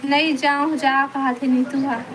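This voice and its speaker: A woman's voice: high voice, flat delivery, unhurried. A woman with a Chhattisgarhi accent, chatting on a phone live stream, greeting viewers by name and coaxing them to stay. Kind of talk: casual live chat reading viewer comments. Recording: noisy live-stream audio.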